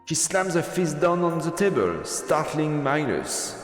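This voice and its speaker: A streamer doing a playful let's-play reads the game's story text aloud and adds casual commentary. His voice is on the high side, sing-song, and a little slow. Music plays behind him in a room with noticeable reverb.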